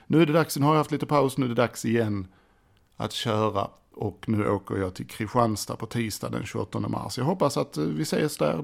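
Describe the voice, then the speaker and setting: A middle-aged man talks alone into a desk microphone for his podcast. His voice has a gravelly edge and a middling pitch. He rambles cheerfully, jokes at his own expense and keeps restarting his sentences. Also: darkish tone. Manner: rambling, self-deprecating, chatty with many restarts. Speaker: podcast host. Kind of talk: casual solo podcast monologue. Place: indoors at a desk. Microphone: desk microphone by a computer.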